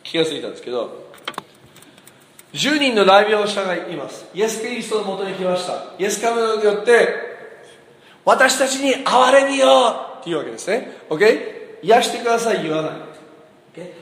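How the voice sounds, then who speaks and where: A man preaches in a high, lively voice that swoops up and down as he acts out quotes and keeps asking his listeners questions. His sermon rings through a roomy hall with a long echo. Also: fairly quick. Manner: animated, asks the congregation questions, acts out quotes. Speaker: pastor. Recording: echoey hall.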